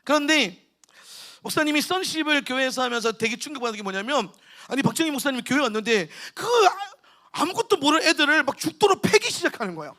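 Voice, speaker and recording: A male pastor, preaching a lively storytelling sermon to a youth camp and acting out the people he quotes. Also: very high-pitched, fast. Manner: storytelling, acts out quotes with shouts and laughs. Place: church hall at a camp.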